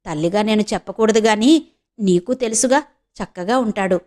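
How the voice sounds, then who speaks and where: A woman's voice: mid-range voice, normal speed, darkish tone, lightly acted. A woman voicing an affectionate, talkative older grandmother in a storybook reading. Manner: affectionate, coaxing.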